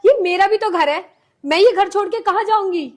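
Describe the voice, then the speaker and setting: An actress playing a patient young daughter-in-law who pleads earnestly. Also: female voice, high-pitched, moderate pace, lightly acted. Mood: pleading. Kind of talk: rural comedy drama acting.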